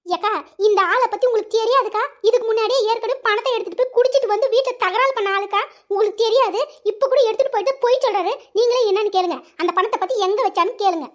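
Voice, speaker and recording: Brief: a woman as a shrill, fast-talking, complaining cartoon mother. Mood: accusing. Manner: wailing, complaining. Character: distressed village mother and neighbour women.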